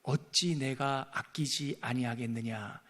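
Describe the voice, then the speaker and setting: A pastor voicing God as a patient, fatherly deity who gently pleads and reproaches. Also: medium pitch, fairly even intonation, slow pace, pitched below the performer's own voice. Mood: tender pleading.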